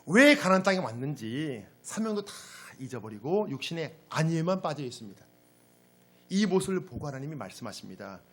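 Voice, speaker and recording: A male pastor delivers a sermon in a slightly husky, fairly high voice. His pitch rises and falls with great animation. He talks straight to the congregation and drives his points home with dramatic, emphatic questions. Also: big pitch swings, fairly quick. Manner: addresses the congregation directly. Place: church service.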